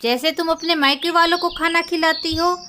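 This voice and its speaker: A woman's voice: very high-pitched, steady tone, normal speed, sharp tone, slight background noise. A woman voicing a stern, scolding older village mother-in-law. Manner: scolding and bossy. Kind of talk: storybook voice acting.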